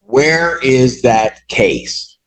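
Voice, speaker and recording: A man serving as a judge, speaking from the bench in a courtroom recording, halting and restarting his sentences as he grows exasperated. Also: mid-range voice, expressive, poor audio.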